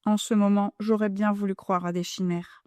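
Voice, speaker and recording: A woman reading a classic novel as an audiobook, in a measured, composed storytelling manner. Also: medium pitch, level tone, darkish tone, clear, resonant tone, no echo, studio quality. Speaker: audiobook reader.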